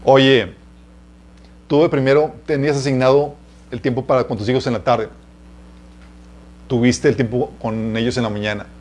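A man's voice: mid-range voice, steady tone, moderate pace, long pauses, a little mellow. A man with a Mexican accent preaching a conversational teaching sermon to a live audience. He tells personal stories, laughs at his own tales, and keeps turning to the listeners with questions. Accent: Mexican Spanish. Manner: chatty, addresses listeners as "chicos", asks them questions. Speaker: preacher teaching a church series.

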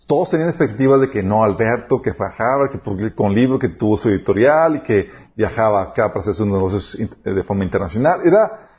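A man preaching a sermon, telling personal stories and acting out quoted dialogue. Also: medium pitch. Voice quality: animated, storytelling with quoted dialogue. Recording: dull lo-fi sound.

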